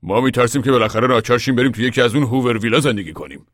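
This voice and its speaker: A man voicing a worried older father in a novel reading, speaking loudly and strained. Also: medium pitch, no echo, studio quality, voice pushed up, close to an everyday voice.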